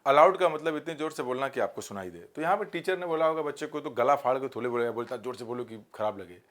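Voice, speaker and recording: Hindi-speaking male grammar teacher. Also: medium pitch. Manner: explains in Hindi mixed with English, reads examples slowly. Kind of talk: exam-prep grammar lesson.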